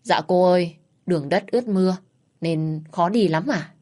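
A woman's voice: lowish voice, moderate pace, dark tone, natural voice. A woman voicing a panicked young male servant who stammers out bad news. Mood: worried. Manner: stammering, frantic.

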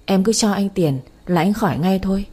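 A woman's voice: medium pitch, brisk, slightly rough, natural voice. A woman doing a sweet-talking lazy husband. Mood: wheedling. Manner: coaxing, flattering. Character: middle-aged man, smooth-talking lazy son-in-law.

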